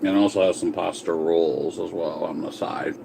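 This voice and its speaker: A man's voice: low-pitched, steady tone, normal speed, creaky, background noise. A man chatting casually on a livestream while eating, answering viewer comments and talking with his mouth full. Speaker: livestream host.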